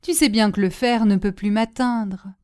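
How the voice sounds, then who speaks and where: Cold sneering demon guy in an audiobook, read by a woman, mellow warm tone, unbothered. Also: medium pitch, normal speed, smooth, no room sound, clean studio sound, natural voice. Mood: cold menace. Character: demonic male cashier, cold and scornful. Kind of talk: audiobook character reading.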